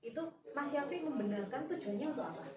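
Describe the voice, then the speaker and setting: A woman's voice: sits high, animated, fast. A woman playing a school counselor, patiently explaining things step by step with examples. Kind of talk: acted counseling role-play. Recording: echoey room, far mic, noisy.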